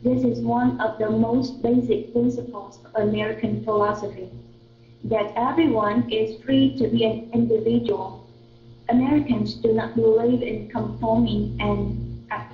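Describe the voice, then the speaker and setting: A woman's voice: a little high, slight background noise. A woman from Vietnam with a Vietnamese accent, an English student reading aloud and answering questions, often searching for words. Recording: tinny phone-like line in an echoey room.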